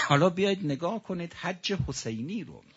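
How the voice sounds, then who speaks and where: A man preaching a sermon with a mourning elegy, swinging between loud outbursts and hushed passages and addressing his listeners directly. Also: high-pitched, big pitch swings, breathy edge. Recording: dull lo-fi recording.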